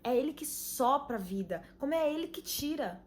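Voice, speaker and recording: A young Brazilian woman sharing an earnest, emotional faith testimony, full of pauses and "you know?" tags. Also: sits high, lively intonation, a little hiss or hum. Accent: Brazilian Portuguese. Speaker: channel host giving a faith testimony. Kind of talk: personal testimony vlog.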